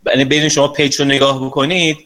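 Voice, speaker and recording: A man's voice: medium pitch, little pitch movement, sharp tone. A man teaching an online class as a sales and communication trainer. He speaks straight to his students in a chatty, coaxing way and teases them lightly.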